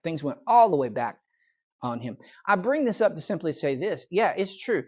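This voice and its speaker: A man's voice: a little high, sing-song, moderate pace, highs cut off. A man, a pastor, teaching a casual Bible study, chatting, chuckling often and asking the room questions. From United States. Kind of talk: conversational Bible lesson. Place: church Bible study class.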